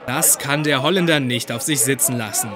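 A man's voice: mid-range voice, fairly quick. A man reading scripted narration for a light local television feature as its reporter. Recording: busy market crowd behind voice-over.

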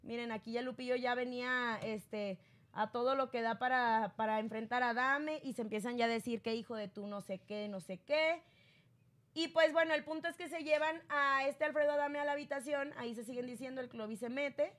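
A woman's voice: a little fast, fairly bright tone. A woman hosting a casual gossip commentary, chatty and acting out quotes. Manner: chatty, acts out quotes with raised pitch. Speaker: gossip show host.

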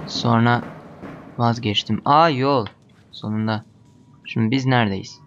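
A man with a Turkish accent commenting on a horror game as he plays, muttering to himself and breaking into panicked shouts when chased. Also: mid-range voice, a little hiss or hum. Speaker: gamer.

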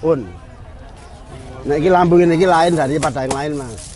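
A man with a Central Javanese accent selling lamps at an outdoor market, loudly joking and haggling prices down. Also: on the high side, a faint crowd. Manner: loud, joking, rapid counting and haggling. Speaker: street vendor selling lamps. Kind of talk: market sales patter, auctioning down prices.

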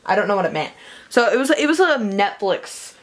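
A woman's voice: mid-range voice, big pitch swings, a little fast. A fifteen-year-old girl from Indiana with a Midwestern accent, hosting a casual cooking vlog in her home kitchen and rambling chattily with lots of fillers. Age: teen, 15. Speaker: vlogger host. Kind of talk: casual chat while cooking. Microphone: camera on the counter.

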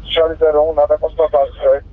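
A man's voice: fairly high pitch, level tone, quick pace. A man with a Brazilian accent, a field officer reporting to dispatch over police radio. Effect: two-way radio transmission. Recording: tinny noisy police radio from vehicle.

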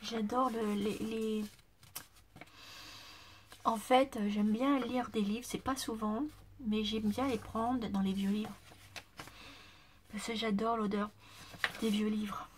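This craft vlogger is losing her voice as she chats casually to camera about gifts she received, gushing, exclaiming, and at times whispering. She talks slowly with frequent pauses in a slightly high, level tone, over slight background noise.

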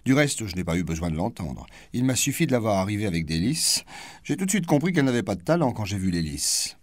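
Brief: a man voicing a sharp-tongued society duchess, mocking and theatrical, voice pushed up high, lively swoops, dry close recording. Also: no echo. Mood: disdainful. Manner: mocking, theatrical, rapid-fire wit. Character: witty, cutting aristocratic duchess, middle-aged woman.

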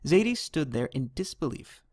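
A man narrating an animated chapter of a children's novel in a steady, even reading. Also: on the high side, normal speed, breathy edge. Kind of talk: storybook narration.

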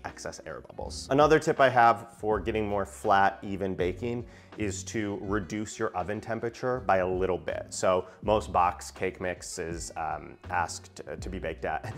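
A man with a lowish voice hosts a relaxed baking tutorial. He chats playfully and sprinkles his tips with casual fillers, while faint music plays softly underneath. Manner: chatty and playful, full of "like" fillers. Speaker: baking channel host.

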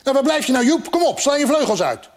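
A man's voice: on the high side, normal speed, creaky, slightly rough. A man voicing a cheeky, bossy little bird that chirps and nags impatiently.

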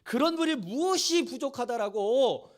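Pastor guy preaching, really high voice, swoops up and down a lot, keeps throwing questions at the congregation. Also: moderate pace. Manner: asks the congregation rhetorical questions; retells scripture in lively plain speech. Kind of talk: sermon.

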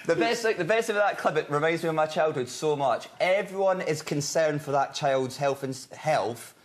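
A comedian presenting funny internet clips in a jokey, laughing manner. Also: male voice, a little high, animated, normal speed, noisy background. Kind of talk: casual chat.

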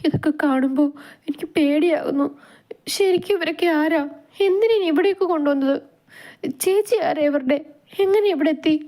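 A woman voicing a frightened young woman who begs tearfully in a high, panicky voice. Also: normal speed, vocal fry, darkish tone.

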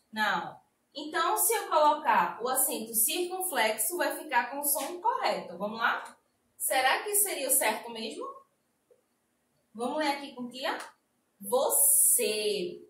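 High-voiced woman teacher, echoey room. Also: a bit bright, slight background noise. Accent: Brazilian Portuguese. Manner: slow, sing-song explaining with drawn-out example words. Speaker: primary school teacher. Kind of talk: recorded lesson for young children. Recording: echoey room, a bit distant mic.

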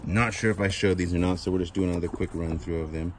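This man talks fast in a low, steady voice as he chats with viewers and unboxes shoes by a cardboard box outdoors. A storage auction vlogger, he films first-person with a handheld camera, and loud outdoor sounds come through.

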